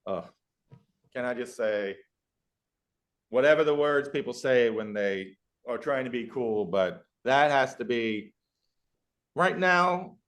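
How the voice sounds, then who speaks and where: A man's voice: mid-range voice, animated, slow, long pauses, fairly bright tone. A male podcast host with a mid-range voice in casual chat. He asks long, rambling questions with plenty of enthusiasm and stops to restart his thoughts.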